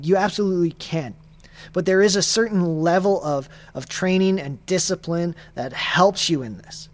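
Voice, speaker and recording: Earnest man teaching Bible study tips. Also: on the high side. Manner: earnest, many fillers and restarts, speeds up when excited. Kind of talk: casual Bible study talk.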